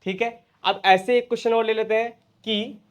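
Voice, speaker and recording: Hindi accent guy teaching english, fairly high voice, keeps quizzing then answering himself. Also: fairly even intonation, normal speed, smooth. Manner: repeats questions to students and answers them himself. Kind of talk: spoken English lesson in Hindi.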